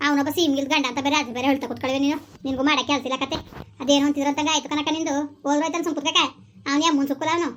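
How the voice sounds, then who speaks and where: A woman's voice: high voice, steady tone, racing, fairly bright tone. A woman playing a blunt village neighbour who consoles and scolds her friend for a comedy skit. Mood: scolding comfort. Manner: scolding, matter-of-fact consoling.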